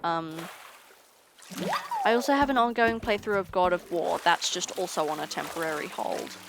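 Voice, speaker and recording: A young woman game streamer chatting casually while she plays, tired and low on energy, rambling with frequent ums. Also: moderate pace, vocal fry. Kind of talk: casual chat while gaming. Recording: noisy game audio behind.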